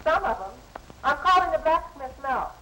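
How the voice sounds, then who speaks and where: A small-town telephone operator in an old radio Western. Her highish voice is clipped and urgent, with faint 1930s soundtrack noise. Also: lively intonation, moderate pace, sharp tone, rough recording. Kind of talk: 1930s radio drama acting.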